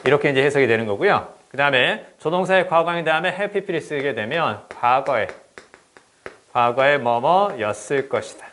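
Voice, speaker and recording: A man teaching an exam-prep English grammar lesson, often checking in with the class and reading English examples slowly. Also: medium pitch, a little hiss or hum. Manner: lively, repeats "그쵸?" to check understanding.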